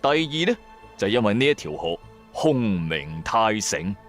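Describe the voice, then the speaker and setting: A man with a Cantonese accent narrates an audio drama in a chatty, dramatised first-person style, turning aside to talk to the listener. His voice is fairly low and a little slow, with soft music behind him, and he comes across as a lively, colloquial storyteller fond of rhetorical asides.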